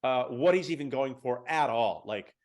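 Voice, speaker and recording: A man in his thirties co-hosts a music podcast, chatting casually in an animated, medium-pitched voice that's a little mellow. He speaks at normal speed, with lots of fillers and self-deprecating asides.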